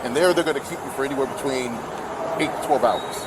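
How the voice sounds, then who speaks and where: A man's voice: medium pitch, quick pace. A male police officer, firm and insistent, explaining and giving orders to a detainee on an outdoor body camera. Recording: noisy outdoor police bodycam, vehicle noise.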